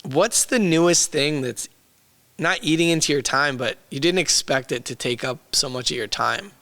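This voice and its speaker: A hoarse young man who has lost his voice, chatting casually and jokingly as a podcast co-host. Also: on the high side, moderate pace, sharp tone. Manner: laid-back, slangy, jokey. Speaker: toy shop owner and podcast co-host.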